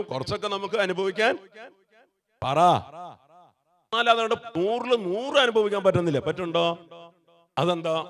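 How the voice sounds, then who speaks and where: A preacher in full call-and-response mode, throwing questions to the congregation and pressing them to answer aloud. His voice sits a little high for a man. He repeats key phrases and pushes the crowd to echo them. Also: a bit bright. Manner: exhorts the congregation to repeat after him; asks the crowd questions and prompts replies.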